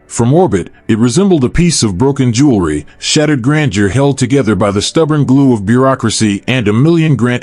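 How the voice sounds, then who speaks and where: A man's voice: mid-range voice, a little mellow, no room sound. Wry male sci-fi story narrator. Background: faint background music.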